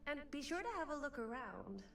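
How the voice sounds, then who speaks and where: A very old woman keeps a curiosity shop in a video game. Her voice is faint and creaky, swinging courteously and mysteriously through its range, set back in a roomy space. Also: high voice, lively intonation, fairly quick, a bit bright. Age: young adult. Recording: roomy, distant game audio over music.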